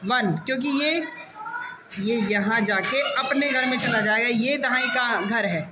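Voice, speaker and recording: A woman's voice: fairly high pitch, unhurried. A woman teaching young pupils in a classroom, patiently explaining step by step and coaxing answers with questions. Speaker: primary school teacher. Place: busy classroom. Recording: noisy classroom recording.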